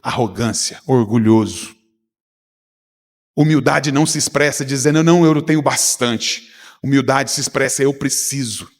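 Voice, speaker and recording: A man's voice: medium pitch, normal speed. A Brazilian man preaching as pastor, emphatic, with the congregation made to repeat his words. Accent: Brazilian Portuguese. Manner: emphatic, calls on the congregation to repeat after him. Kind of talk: sermon. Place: church sanctuary. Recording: reverberant church hall.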